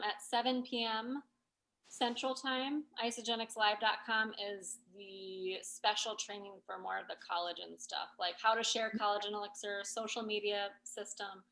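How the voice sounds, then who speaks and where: A woman on a casual team call, passing on event details in a brisk, informational way. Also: medium pitch, a bit bright, rough recording.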